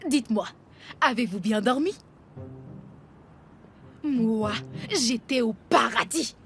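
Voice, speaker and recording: An actress playing a fervently pious, effusive church lady in a dubbed comedy-drama, with preachy exclamations and drawn-out devout phrases. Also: a little high, animated, fairly bright tone, soft background music, exaggerated voice. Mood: exalted greeting. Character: fervently pious, sing-song church woman neighbour, oblivious and effusive.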